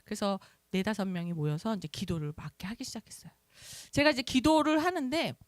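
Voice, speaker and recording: A middle-aged woman missionary giving an animated testimony in a sermon, acting out the words she and others said. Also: mid-range voice, dry recording. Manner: animated storytelling, acts out her own quoted speech.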